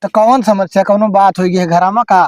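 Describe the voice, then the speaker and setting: A man's voice: high voice, steady tone, moderate pace, a little mellow, no room sound, studio quality, lightly acted. A man playing a blunt, bossy village headman who hands out advice in an Awadhi accent in an amateur comedy sketch. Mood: inquiring. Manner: blunt, advising.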